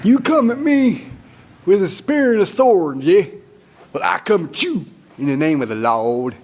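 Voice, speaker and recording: A man's voice: high-pitched, big pitch swings, a little slow, darkish tone, pitched above the performer's own voice, full character voice. A man voicing a brash young shepherd boy who talks trash with swagger and slang. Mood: cocky.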